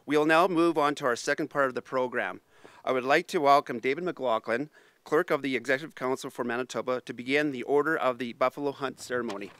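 A man's voice: mid-range voice, quick pace, fairly bright tone, no echo. A man speaking as event host, making announcements from an outdoor podium.

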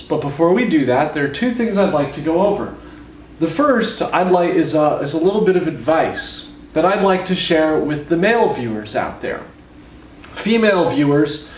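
A hungover young adult calculus lecturer gives a casual whiteboard lecture with joking asides, deadpan and a bit awkward, his voice sitting a little high. A camera mic a few feet away captures him in a roomy living room at home, along with a little hiss or hum.

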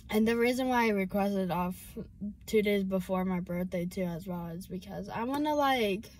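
A woman's voice: mid-range voice, normal speed, a little mellow. A seventeen-year-old girl vlogging while driving, rambling and hesitant with lots of fillers and restarts. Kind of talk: casual chat while driving. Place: inside a car.

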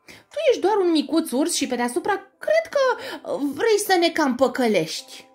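A woman voicing a crowd of squeaky little forest mice, shrill, excited and cheeky, in a storybook reading. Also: soft background music. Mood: mocking.

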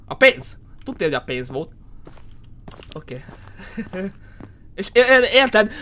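A man with a Hungarian accent giving horror game commentary, yelling in panic at the scares and muttering low between them. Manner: screams and yells in panic at scares, then drops to low muttering. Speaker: gaming streamer.

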